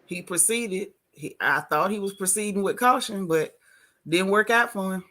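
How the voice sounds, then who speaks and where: A woman hosting a casual gossip chat, sassy and playful with loud joking. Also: medium pitch, normal speed. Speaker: podcast host.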